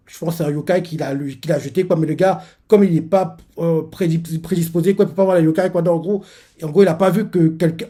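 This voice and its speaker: A man's voice: a little high, warm tone. A man streaming a live manga reading and reaction. He rambles and uses lots of fillers.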